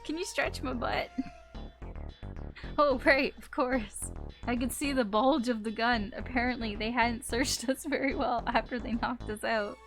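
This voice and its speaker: Woman streamer, a touch high, casual, giggly let's-play chat over game music. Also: fairly even intonation, measured pace, fairly bright tone. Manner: chatty, often laughing, retells scenes in silly mock voices.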